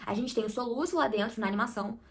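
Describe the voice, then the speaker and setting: A woman's voice: on the high side, very fast. Chatty Brazilian woman reviewing a film. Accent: Brazilian Portuguese. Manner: chatty and expressive, addresses viewers as "gente". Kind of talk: casual film review chat.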